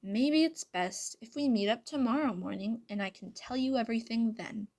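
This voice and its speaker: A woman's voice: fairly high pitch, moderate pace, darkish tone. A woman playing a breezy long-lost mother.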